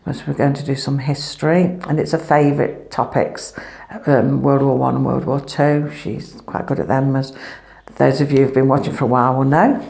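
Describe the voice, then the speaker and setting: A woman's voice: a bass voice, level tone, moderate pace, creaky, darkish tone. A woman, rambling chattily in a casual family vlog, her voice echoing in an empty room at home through a clip-on microphone. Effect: echoey empty room. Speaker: family vlogger.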